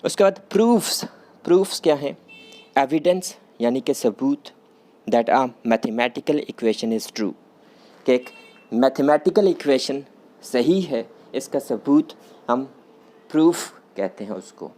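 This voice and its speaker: Man, schoolteacher, warm low-key tone, careful repetition. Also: animated. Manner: slow, repeats and rephrases each point, mixing Urdu with English. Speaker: teacher. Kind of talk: classroom lesson explaining vocabulary.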